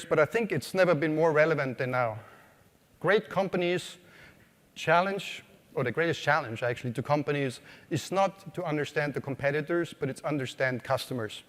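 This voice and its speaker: A man with an Austrian accent gives a conversational keynote to a live audience in a conference hall, asking questions and using many fillers. His voice is a little high, and the sound has a long reverb tail.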